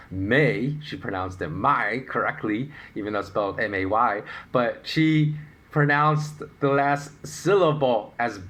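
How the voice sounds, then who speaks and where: A middle-aged man hosting a solo podcast, explaining his views in an animated, opinionated way with rhetorical questions. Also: mid-range voice. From United States. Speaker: podcast host.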